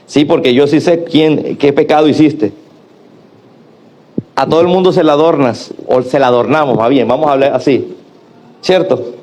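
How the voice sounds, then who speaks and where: A male pastor preaches with animated energy in a fairly high voice. He acts out the lines of the people in his stories and keeps calling out to the congregation for a reply. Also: normal speed, long pauses. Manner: animated preaching with acted-out quotes and call-and-response. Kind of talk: sermon.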